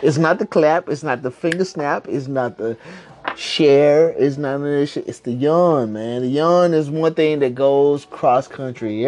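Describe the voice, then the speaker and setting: A man's voice: a little high, darkish tone. A man hosting a casual podcast from home, rambling along in slang and swearing freely. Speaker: podcast host. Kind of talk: casual chat.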